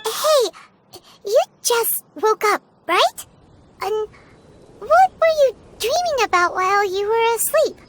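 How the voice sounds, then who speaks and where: A woman voicing a tiny, childlike, excitable companion in a video game, chirpy and a little bossy. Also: extremely high pitch, slow, noisy background, heavily acted. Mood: inquisitive. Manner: speaks of self in third person, excitable. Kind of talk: video game character acting. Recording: game music behind the voice.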